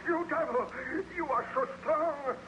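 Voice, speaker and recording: A man's voice: very high voice, unhurried, pushed and bright, exaggerated voice. A male actor playing a grave, determined baron in an old-time radio horror drama, speaking with formal, earnest delivery. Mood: defiant, alarmed. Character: grave, determined baron hunting his monstrous creation. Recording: noisy old radio recording.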